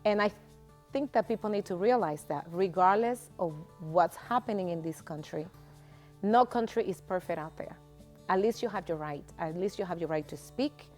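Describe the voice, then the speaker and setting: A woman's voice: lowish voice, moderate pace, a little mellow, soft background music. A middle-aged woman, giving a personal testimony in a passionate, emphatic way. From Dominican Republic. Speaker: guest.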